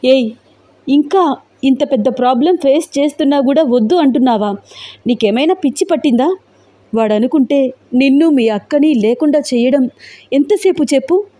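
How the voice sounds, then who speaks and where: A woman's voice: sits high, normal speed, long pauses, warm tone, pitched above the performer's own voice, close to an everyday voice. A woman voicing a young woman, an anxious friend who keeps pressing with worried questions in a storybook tale. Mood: urging.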